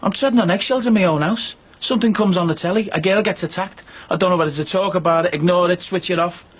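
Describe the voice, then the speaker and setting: A man's voice: sits high, quick pace, husky. A man playing a defensive married builder in a naturalistic soap drama, pleading his case with indignant self-justification. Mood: aggrieved. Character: defensive married builder, son, confessing an affair.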